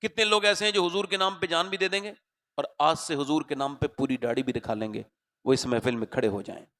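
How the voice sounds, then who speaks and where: A male preacher delivers an impassioned sermon to a gathering, telling stories dramatically. His voice is bright and forceful, pitched a bit high for a man, and it often rises in fervent appeals. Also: fairly even intonation. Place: religious gathering.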